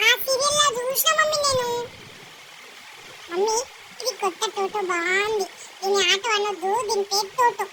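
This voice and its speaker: A young girl, chatting excitedly and bossily, whispering secrets as she narrates a family vlog. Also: very high voice, normal speed, long pauses, over a noisy crowd, poor audio. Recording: loud background noise.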